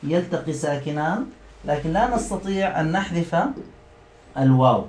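A male teacher leading a classroom lesson, repeating words slowly and quizzing his students. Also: on the high side, animated, a little mellow, roomy sound.

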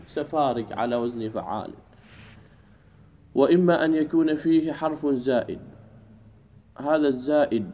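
A man teaching an Arabic grammar lesson in a classroom, drawing out key words slowly and keeping the class engaged with questions. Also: mid-range voice, darkish tone. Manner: drawls key words slowly, keeps asking "what?".

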